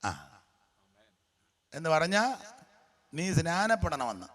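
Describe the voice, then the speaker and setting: A man from preaching a sermon, animated, breaking into hymn lines and dropping to hushed voices to act out scenes. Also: on the high side, slow. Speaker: pastor.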